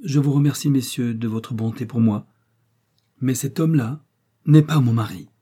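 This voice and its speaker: A man's voice: mid-range voice, moderate pace, dark tone, lightly acted. A man voicing a determined young wife who defies a courtroom, firm and insistent. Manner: firm, insistent, rising to outbursts.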